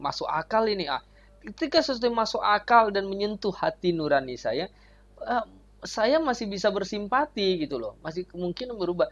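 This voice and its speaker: A man's voice: sits high, big pitch swings, brisk, a bit bright. A man hosting his channel as an evangelist, commenting earnestly on a video and leaning on tag fillers. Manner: earnest, leans on tag fillers like ya and gitu loh. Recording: dull lo-fi sound.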